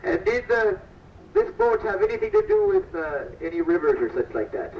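A man plays ship captain with a jokey, pirate-flavored patter, his high voice leaping all over. He talks over a PA microphone aboard a sailing ship attraction. The recording sounds distant, roomy and dull. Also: wildly swooping pitch, moderate pace, creaky, a little hiss or hum. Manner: jokey, pirate-style "aye" interjections. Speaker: ship captain giving a ride spiel. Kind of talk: comedic live tour spiel.

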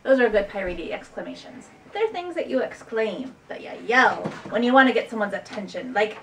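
A woman's voice: mid-range voice, lively intonation, a little fast. A woman co-hosting a family video, teaching parts of speech with a playful pirate flavor. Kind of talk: casual teaching presentation. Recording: distant mic with faint noise.

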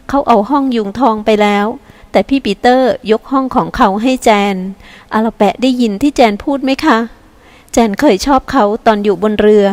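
A woman narrator voicing a young woman pleading softly at an old man's bedside, with an earnest, gentle delivery. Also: fairly high pitch, pitched above the performer's own voice, lightly acted.

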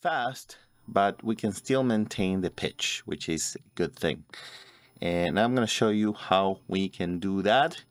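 Speaking slowly in a low voice with no room sound, a forty-something man hosts a step-by-step video editing tutorial. He works at a computer in an indoor room while music plays in the background.

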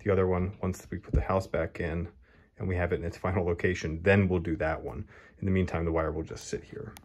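Speaking fairly quickly in a deep, low voice, a man walks through his model train scenery step by step. He stays easygoing and thinks out loud while working, in casual how-to style, filmed on a phone camera in his hobby room.

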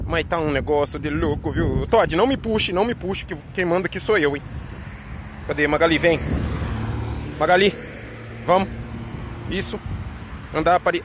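Out on a street walk, a man with a Brazilian Portuguese accent chats to his dogs, coaxing them along in a casual, talkative way. His voice is on the higher side, with slight background noise.

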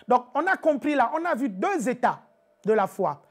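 A woman preacher giving a live-streamed teaching sermon, chatty and animated, laughing often and repeating calls to her viewers. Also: fairly high pitch, normal speed.

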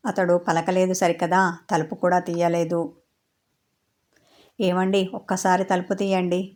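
A woman reading a serial romance novel aloud as narrator, in a steady, even storytelling voice. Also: fairly low pitch.

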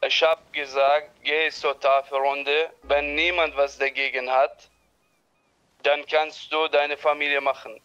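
A man with a slightly high voice speaks calmly in street roleplay. He lays out the rules at a measured, even pace. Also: clear, resonant tone, lo-fi sound.

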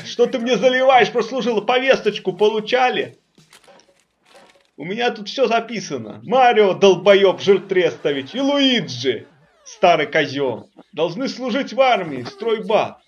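A man's voice: high-pitched, sing-song, measured pace, highs cut off. A man voicing a bullying, foul-mouthed army drill sergeant who barks commands and insults in a comic parody dub. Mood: menacing, scornful.

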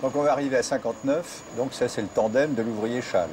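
A man interviewing guests, putting quick prompting questions. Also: medium pitch, heavy background noise.

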